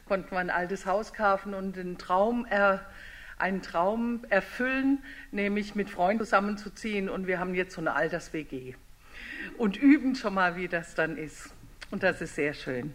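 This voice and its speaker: An older woman from Germany, a theology lecturer, giving an informal, lively public talk and reading a picture book aloud in a storyteller's rhythm. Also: medium pitch, moderate pace.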